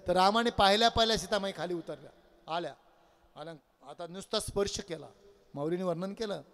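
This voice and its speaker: High, ringing male preacher in a hall. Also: a little fast. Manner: animated storyteller, asks and answers his own questions. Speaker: kirtan preacher. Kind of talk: devotional storytelling sermon. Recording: long hall reverb.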